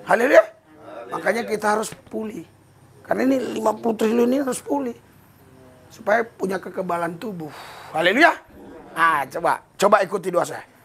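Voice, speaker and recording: Preaching a lively sermon to a congregation, this male pastor frequently laughs and puts on playful voices to act out prayers. He speaks in a high voice at a moderate pace, pausing often.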